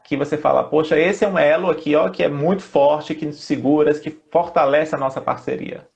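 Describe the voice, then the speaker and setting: A man with a Brazilian Portuguese accent hosting a casual live-stream interview, asking relaxed, rambling questions. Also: a little high, brisk, creaky. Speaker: host.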